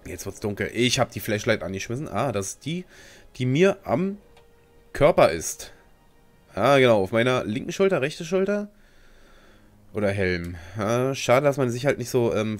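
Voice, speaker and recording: A young man giving casual, rambling commentary as he plays a game, slangy and talking to himself. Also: medium pitch. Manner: rambling and slangy, talks to himself while playing. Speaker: gaming video host. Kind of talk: casual let's play commentary.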